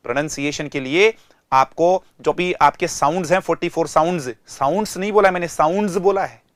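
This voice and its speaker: A man with an Indian accent teaching an online language lesson in a lively, teasing, mock-exasperated way. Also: on the high side, a little fast, no echo.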